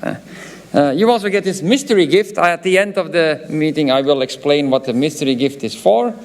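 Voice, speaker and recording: A Belgian professor with a Flemish accent presents diplomas during a graduation ceremony speech. His voice is a little high and brisk, and he's hesitant, full of filler sounds and chatty asides.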